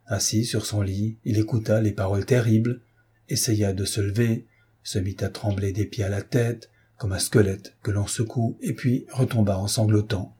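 A man reading a novel aloud as an audiobook, in measured, grave narration. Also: on the low side, fairly even intonation, warm tone, slightly rough. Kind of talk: scripted literary narration.

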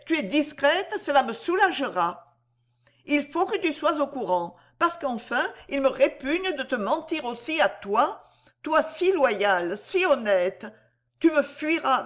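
A woman's voice: high voice, very animated, a little slow, pitched above the performer's own voice. A woman voicing a young woman in a storybook who is secretly pregnant and set on her choice, with an intense, pleading manner.

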